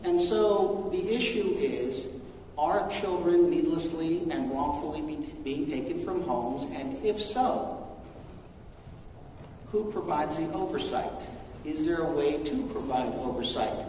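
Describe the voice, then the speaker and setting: A man's voice: a little high, lively intonation, slow, a little mellow, a little hiss or hum. A man, a city councilman, opening a public hearing with a string of rhetorical questions, recorded in a council chamber. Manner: rhetorical, posing many questions. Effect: council hearing-room recording. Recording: echoey hall from far off.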